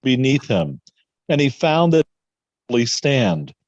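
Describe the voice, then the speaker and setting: A man reading a script aloud over a laptop video call, his audio choppy and cutting in and out, his phrases halting and broken off. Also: medium pitch, very animated, no echo, muffled recording.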